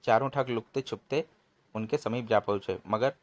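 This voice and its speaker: A man narrating a comic folk tale in a brisk, expressive storybook manner. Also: mid-range voice, no room sound.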